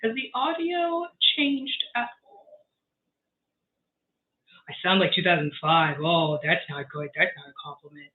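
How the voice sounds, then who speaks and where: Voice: medium pitch, a little slow, long pauses. A streamer with a sore throat from strep, hosting a casual live Q&A with many fillers, heard through crunchy, bitcrushed digital audio. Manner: hesitant, lots of fillers, troubleshooting aloud. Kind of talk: casual livestream chat. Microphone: built-in webcam microphone. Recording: tinny, crunchy webcam mic audio.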